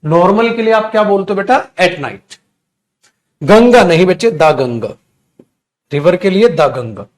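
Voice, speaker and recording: A middle-aged man with an Indian accent teaching a live online English grammar class, dictating sentences slowly and then correcting the students quickly and fondly. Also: high-pitched, lively intonation.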